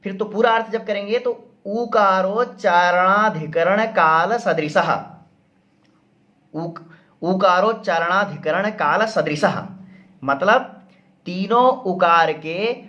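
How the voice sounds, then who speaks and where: A man with a fairly high voice explains grammar rules at a slow, patient pace. He keeps repeating each term and poses questions only to answer them himself. The recording sounds a little dull and lo-fi. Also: sharp tone. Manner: repeats terms slowly, asks and answers his own questions. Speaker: Sanskrit grammar teacher.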